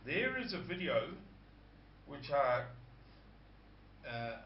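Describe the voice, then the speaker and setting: A man with a croaky voice, hosting a rambling casual monologue and stopping to search for words. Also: fairly high pitch, sing-song, slow, a little hiss or hum. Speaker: host. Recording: dull lo-fi sound.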